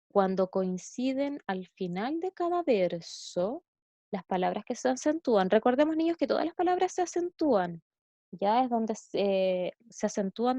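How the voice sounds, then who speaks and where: Woman, Chilean accent, schoolteacher, patient explaining, higher voice, muffled lo-fi sound. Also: warm tone, no room sound. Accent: Chilean Spanish. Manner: explanatory, addresses pupils, frequent "eh" and "¿cierto?". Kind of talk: recorded classroom lesson over slides. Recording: dull lo-fi dry recording.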